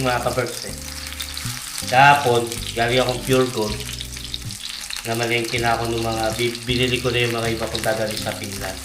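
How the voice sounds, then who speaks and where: A Filipino man vlogs informally from his home kitchen as he cooks, talking casually to viewers in a mid-range voice. Missing front teeth give him a slight lisp, and background noise is audible.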